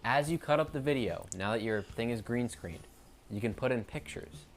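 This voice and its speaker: Speaking at a normal speed with lively intonation, a mid-range male YouTuber chats unscripted to camera, wandering and self-correcting with an occasional stutter. A faint hiss or hum sits under the recording.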